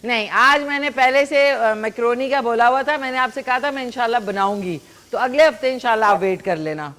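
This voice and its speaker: A woman's voice: a little high, a bit bright. A woman hosting a live morning show, chatting and teasing callers while she cooks in a studio kitchen on a lapel mic. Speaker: morning show host and cooking presenter. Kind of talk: live TV chat and cooking demonstration.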